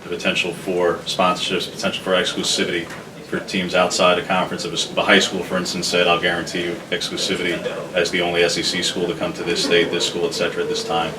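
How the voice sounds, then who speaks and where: A man's voice: low voice, monotone, fast, distant mic. A man working as a reporter, asking a long, wordy, carefully hedged question at a press conference. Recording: off-mic, noisy room.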